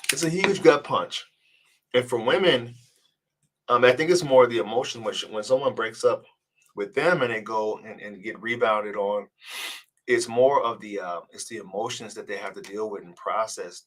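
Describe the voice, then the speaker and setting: A dating coach with a somewhat low voice gives relationship advice at normal speed in a loose live-stream chat, reading comments as he goes. He sounds congested from a cold, and his casual, earnest delivery often stumbles, repeating words as he restarts on his way to a point.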